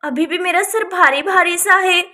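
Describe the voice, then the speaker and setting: A woman voicing a busy, practical young village woman in a doll story, speaking briskly. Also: extremely high pitch, sharp tone. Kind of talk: Hindi doll-story voice acting.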